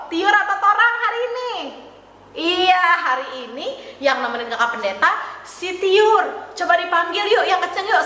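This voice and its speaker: A woman pastor teaching an online Sunday school lesson for children, talking gently and coaxingly. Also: extremely high pitch, distant mic. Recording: echoey hall, faint noise.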